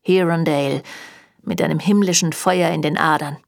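A woman's voice: deep voice, steady tone, moderate pace, creaky, dry recording. A woman reading a German audiobook, voicing a sardonic, evasive male warlock who answers with dry mockery. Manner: dry and mocking.

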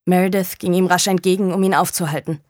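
A woman reading a crime novel aloud in a measured, grave storytelling manner. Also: fairly low pitch, fairly even intonation, no echo. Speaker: audiobook narrator. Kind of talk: scripted narration of a crime novel. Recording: dry close studio sound.

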